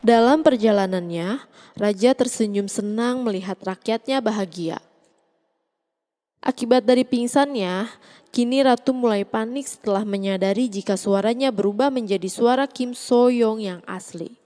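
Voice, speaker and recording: A woman's voice: fairly high pitch, normal speed, mellow, long reverb tail. A woman reads a scripted story recap as the narrator. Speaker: narrator recapping a drama series.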